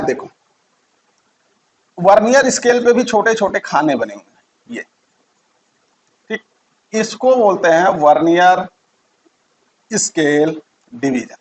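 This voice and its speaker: Man, teacher, high voice, quizzing style, stretched-out key words. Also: poor audio. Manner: repeats key terms, asks quiz questions. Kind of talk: classroom physics lesson.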